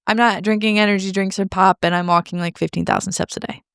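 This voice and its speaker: A woman co-hosting a casual podcast from home, talking in a relaxed, rambling way with many fillers. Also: medium pitch, fast talker, gravelly, smooth, no echo, clean studio sound. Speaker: podcast co-host. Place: home in Southeast Michigan.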